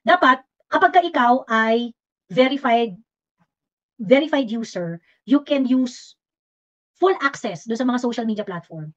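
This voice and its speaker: Over slightly dull lo-fi audio, a woman with a Filipino accent hosts a casual livestream, teasing and combative, and slips English into her talk. Her voice is a little high and animated, her pace measured, with long pauses.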